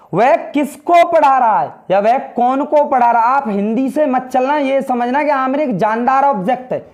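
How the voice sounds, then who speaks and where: A man teaching English grammar in Hindi, explaining step by step and repeating key words, saying the English sentences slowly. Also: very high-pitched, a little mellow. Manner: often addresses students as brother. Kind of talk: classroom grammar lesson in Hindi.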